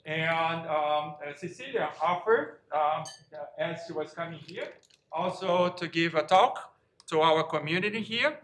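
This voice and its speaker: A man, a faculty member, introducing a speaker in a halting way with many fillers. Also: a little high, lively intonation, fairly bright tone, a little hiss or hum. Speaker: faculty member and program director. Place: lecture room. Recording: echoey lecture hall.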